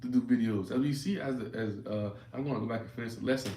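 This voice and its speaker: A man giving informal scripture teaching who keeps checking in with "right?" and restarts his phrases, sometimes reading verses aloud slowly. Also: medium pitch, dark tone. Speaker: religious teacher. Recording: echoey room with faint ambient noise.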